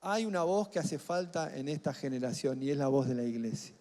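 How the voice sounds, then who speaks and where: High-voiced Argentine pastor preaching. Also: male voice, animated, fairly quick. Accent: Rioplatense Spanish. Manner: emphatic, rising to near-shouts on key phrases. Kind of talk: sermon. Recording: echoey hall with faint music.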